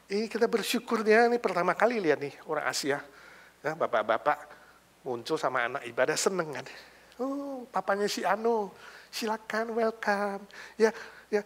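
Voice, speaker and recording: Male pastor, sermon with anecdotes; bright, animated delivery, wide swings from murmur to emphatic outbursts. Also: high-pitched. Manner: lively, shifts between hushed asides and loud emphatic bursts; mixes casual slang into preaching. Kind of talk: sermon with storytelling. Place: church sanctuary.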